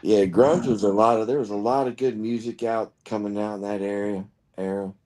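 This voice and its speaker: A man's voice: lowish voice, fairly even intonation, fairly quick, mellow. A man in his fifties hosting a casual live-stream chat, rambling through stories and chuckling often. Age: 50s.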